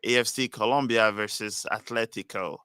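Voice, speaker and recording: Bright-voiced male podcast host. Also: fairly low pitch, moderate pace, clear, resonant tone, dry recording. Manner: relaxed, reads out chat comments. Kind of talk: casual chat.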